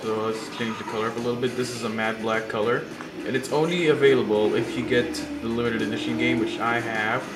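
A young man hosting a gaming channel talks through a casual let's-play at a brisk pace, his medium-pitched voice fairly even. He has a slight cold and sore throat, and he rambles with lots of fillers and restarts. The sound is roomy, with loud game music and engine noise behind him.

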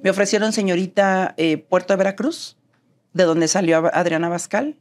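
Animated Mexican woman telling stories. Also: fairly low pitch, normal speed. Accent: neutral Mexican Spanish. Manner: animated, acts out quoted dialogue. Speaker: guest. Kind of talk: storytelling interview chat.

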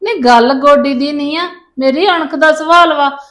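A woman's voice: high-pitched, normal speed, a bit bright. A woman in a family drama, playing a mother-in-law who pleads and apologises to get her grandson back. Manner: pleading, self-pitying. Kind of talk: scripted village family drama.

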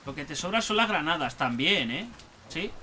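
A man's voice: a little high, lively intonation, normal speed, pushed and bright, slight background noise. A young man with a Spain Spanish accent giving chatty, exclamatory let's play commentary while talking to himself. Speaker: gaming YouTuber.

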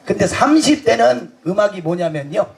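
Brief: high-pitched man, loud bawdy stage comic working the crowd, laughs through his lines. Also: animated, normal speed, creaky. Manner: boisterous, bantering with the audience, crude jokes. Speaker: street comedy performer. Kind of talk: festival stage comedy show.

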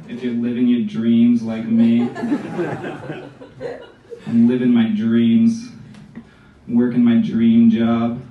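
Recorded on a phone from far back in the crowd, the audio is roomy and lo-fi with slight background noise and audience laughter. It captures an American stand-up comedian in his late twenties doing a dry set with a handheld mic in a small indoor club with an audience. His voice is mid-range, nasal and stuffy.

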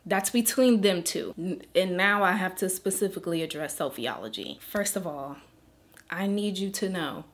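A woman beauty influencer speaking in an earnest, pleading faith vlog, holding back tears and dropping into soft whispers. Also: lowish voice, animated, moderate pace.

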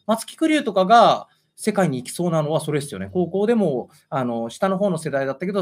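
A man talking casually about football as a show host, fast and animated, rambling with many fillers. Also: a little high, slightly rough. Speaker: football commentator and amateur coach. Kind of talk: casual talk-show chat.

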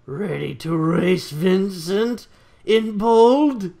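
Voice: medium pitch, lively intonation, drawn-out words, gravelly, dark tone, full character voice. An amateur reader voicing a plain-spoken young male hero in a fan-fiction reading, in a matter-of-fact way. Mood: eager.

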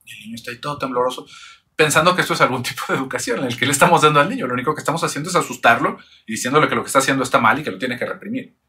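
Husky-voiced man explaining. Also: mid-range voice, very fast, sharp tone. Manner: thoughtful, frequent rhetorical questions. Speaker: psychology channel host. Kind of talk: reflective explanatory monologue.

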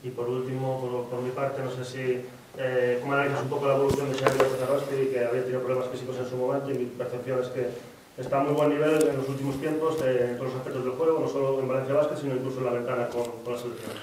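A male reporter asks long, detailed questions at a press conference, speaking quickly. He sits far from the microphone, and the room echoes heavily with faint noise. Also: medium pitch, flat delivery. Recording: echoey room, distant from the mic.

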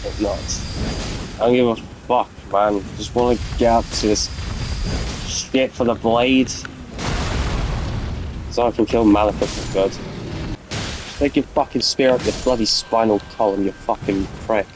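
A man's voice: fairly low pitch, steady tone, a little slow, long pauses, noisy background. Raging, swearing gamer guy. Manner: swears constantly, rages at the game. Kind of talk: let's play commentary.

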